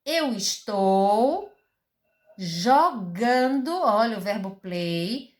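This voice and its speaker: Animated Brazilian woman teacher explaining patiently. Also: medium pitch, drawn-out words. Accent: Brazilian Portuguese. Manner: patient, explanatory, asks rhetorical questions. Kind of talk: recorded school lesson.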